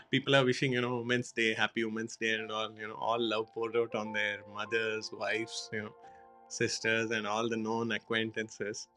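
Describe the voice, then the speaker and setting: A man hosting a live online session, talking in a halting way with many fillers. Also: lowish voice, level tone, pushed and bright, soft background music.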